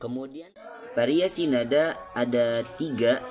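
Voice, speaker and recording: A young man from Indonesia, a student presenting a lesson, explaining step by step and repeating example phrases slowly. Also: mid-range voice, darkish tone. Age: young adult. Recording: music playing clearly behind.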